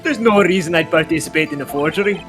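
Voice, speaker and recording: A man's voice: a little high, fast, fairly bright tone, close to an everyday voice. A smug, scheming older police chief, as a man puts him on in a put-on Irish accent. He talks down to people with a chuckling, patronizing air over a bed of game music.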